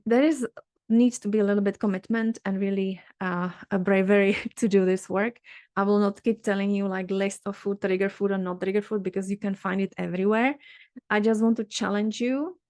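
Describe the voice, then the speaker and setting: Earnest Czech-accented woman dermatologist, flat delivery. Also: mid-range voice, no echo, clean studio sound. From Czech Republic. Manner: earnest, halting, many fillers and restarts. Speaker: dermatologist leading a workshop. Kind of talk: workshop talk.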